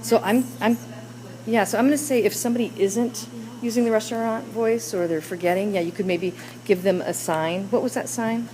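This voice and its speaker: A woman's voice: mid-range voice, fairly even intonation, brisk, a crowd in the background, rough recording. A woman teacher leading a classroom discussion with children, coaxing them with question after question.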